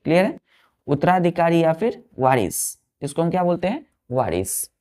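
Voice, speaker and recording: A woman teaching a vocabulary lesson, repeating words slowly and checking that the children follow, with an Indian English accent on the English words. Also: deep voice, big pitch swings, warm tone. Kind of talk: vocabulary lesson, explaining word by word.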